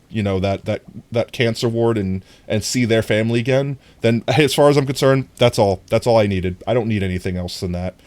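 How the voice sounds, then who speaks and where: A man's voice: lowish voice, darkish tone, dry recording. A man streaming live and chatting casually with his viewers, rambling earnestly with lots of restarts and frequent laughter. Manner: laughs often between sentences.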